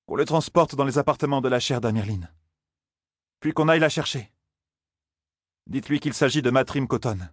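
A man reading an audiobook, voicing a calm, cold and commanding sorceress in a soft, even tone. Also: moderate pace, long pauses, no room sound, studio quality, natural voice. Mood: composed. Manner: composed, cool, low-key.

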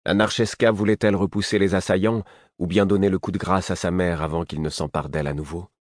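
A man narrating a fantasy novel in the first person, with measured, dramatic storytelling. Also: sits low, steady tone, no echo, clean studio sound. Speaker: audiobook narrator.

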